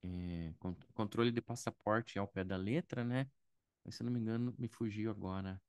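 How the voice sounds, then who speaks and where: A man's voice: fairly low pitch, fairly quick, darkish tone, clear, resonant tone, no room sound. Brazilian man teaching in a dry room. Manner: explains patiently with frequent "né?" and "tá?", thinks aloud. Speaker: English teacher. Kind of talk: casual online lesson.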